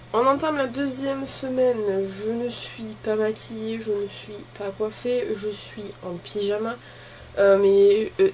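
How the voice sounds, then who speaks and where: A woman chats informally in the manner of a beauty vlogger, thinking aloud and wandering from one remark to the next. Her pitch is average for a woman. The recording carries clear ambient noise behind her. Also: a little mellow. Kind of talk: casual chat while opening advent calendars.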